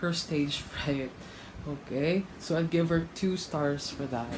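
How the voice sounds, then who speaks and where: A man reacts as a vlogger, chatting casually and laughing mid-sentence while frankly critiquing and rating contestants. His voice is a little high and his pace slow, with heavy background noise behind him.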